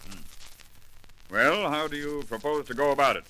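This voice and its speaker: A gruff airline boss, old radio show. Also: male voice, fairly high pitch, normal speed, pushed and bright, low-quality recording. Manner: gruff, commanding, impatient. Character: brusque middle-aged male airline boss. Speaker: airline company head. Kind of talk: 1930s radio drama acting.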